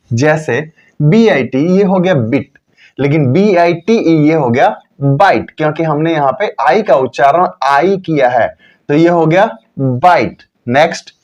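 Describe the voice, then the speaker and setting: A man teaching English pronunciation rules in a lesson, repeating key words slowly and asking and answering his own questions. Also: fairly high pitch, darkish tone. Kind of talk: Hindi lesson explaining English spelling rules.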